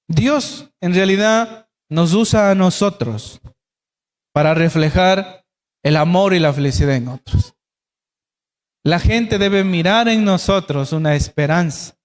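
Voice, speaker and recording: A man's voice: sits high, big-room sound. A man preaching a sermon as pastor, asking his congregation rhetorical questions. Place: church.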